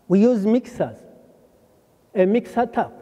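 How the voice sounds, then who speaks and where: Older guy teaching plumbing, kinda high voice, repeats himself a lot, echoey big workshop. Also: very animated, warm tone, lo-fi sound. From Rwanda. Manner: repeats phrases, pauses often, demonstrates parts. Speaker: plumbing instructor. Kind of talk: slow hands-on trade lesson. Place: large workshop hall.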